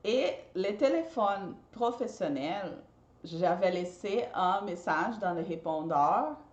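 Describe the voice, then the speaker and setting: A chatty woman, not a native speaker of the language, talks directly to her viewers and often repeats her points. Her voice sits at a middle pitch. The room is roomy and echoey. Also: animated, slow pace, muffled recording. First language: not French. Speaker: party decorator and business coach. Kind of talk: casual advice talk to viewers.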